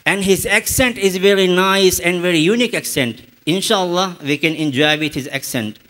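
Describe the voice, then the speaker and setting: Slow, deliberate explanations and repeated examples mark this spoken English lesson from a man with an Indian English accent. He has a fairly bright tone that sits on the high side.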